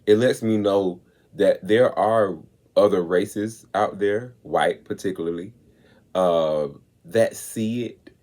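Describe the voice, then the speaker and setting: A man hosting a commentary show, talking with emphasis and slowing down to stress his points. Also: lowish voice, darkish tone. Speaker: host. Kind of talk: commentary on clips.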